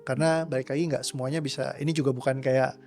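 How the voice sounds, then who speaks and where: A young man talks through his coaching work in a loose, rambling way, dropping English words as he goes. His voice sits at an average pitch. Soft background music plays beneath him. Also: quick pace. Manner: relaxed, rambling, mixes English words into speech. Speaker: trauma release coach. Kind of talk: casual interview answers.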